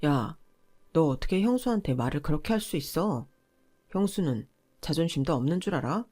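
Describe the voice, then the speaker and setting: A woman's voice: sits low, lively intonation, moderate pace, mellow. A woman voicing an arrogant young husband who lectures his wife with contempt. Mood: contemptuous.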